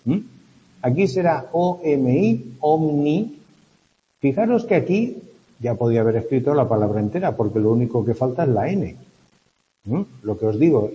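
A man teaches a class in a slow, unhurried way, pausing to check that his students follow. His voice is very dark and mellow. The sound is dull and lo-fi, with a long reverb from the lecture hall. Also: mid-range voice. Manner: explanatory, checks in with frequent questioning hums. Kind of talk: classroom lecture on Latin abbreviations.

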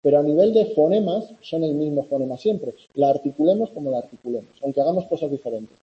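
A man from giving a university lecture in a conversational way, often checking in with students and filling pauses. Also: a little high, lively intonation, dull audio. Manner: conversational, with many fillers and "¿vale?" checks. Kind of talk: classroom lecture.

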